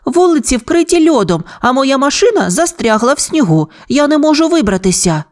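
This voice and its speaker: A woman doing a shrill flustered lady mayor. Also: sing-song, moderate pace, darkish tone. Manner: high, anxious cries. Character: fussy female town mayor, flustered. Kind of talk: children's audio fairy tale.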